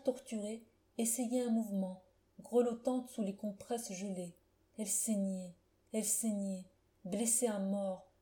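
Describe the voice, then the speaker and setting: A woman's voice: a little high, mellow. Solemn woman reading a classic tale. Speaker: narrator. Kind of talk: literary audiobook reading.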